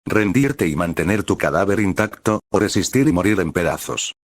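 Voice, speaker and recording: A man's voice: deep voice, lively intonation, moderate pace, no echo. Man voicing a cold, fearless young mage. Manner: indifferent, blunt.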